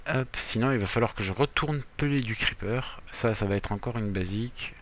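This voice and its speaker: A man with a somewhat low voice talks through a video game in a casual, chatty way. He explains each step to his viewers and keeps dropping playful, jokey asides along the way. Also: normal speed, a little hiss or hum. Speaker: Minecraft let's player. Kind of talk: casual gameplay commentary.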